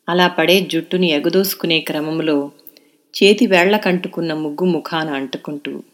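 Lady reading an audio novel, calm steady storytelling, lowish voice. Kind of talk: scripted audio novel narration.

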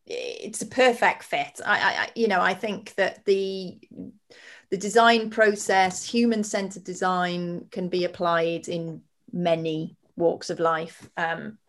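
A woman guest, a design consultant, answering in a measured way with a few restarts. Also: on the low side, fairly even intonation, a bit bright. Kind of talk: conversational answer.

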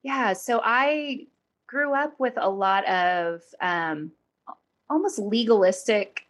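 A woman in her thirties from Oklahoma joins a podcast as a guest in a conversational interview. Her medium-pitched voice is expressive and unhurried, and she talks candidly and thoughtfully.

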